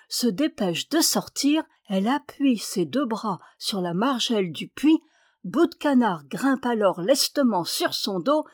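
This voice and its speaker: A woman reading a fairy tale aloud in a lively, expressive way. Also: medium pitch, no echo, studio quality. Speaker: storyteller.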